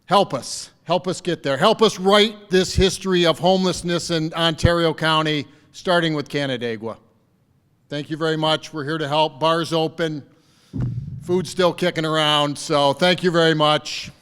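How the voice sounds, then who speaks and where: A man's voice: a little high, normal speed, fairly bright tone, smooth, long reverb tail. A man giving a fundraiser speech at a lakeside party, rallying the crowd with repeated calls to commit. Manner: rousing, repetitive rallying calls. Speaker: fundraising campaign speaker. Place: party venue by a lake.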